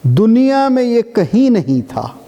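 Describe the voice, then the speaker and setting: A man's voice: very high voice, big pitch swings, measured pace, warm tone. A man giving a classroom lecture, explaining patiently and breaking now and then into chanted demonstrations. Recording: reverberant lecture hall.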